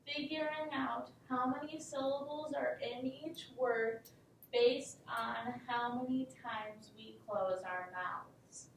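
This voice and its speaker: A woman acting as a teacher in a mock classroom lesson, patient and instructive. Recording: echoey room, distant mic, faint rumble.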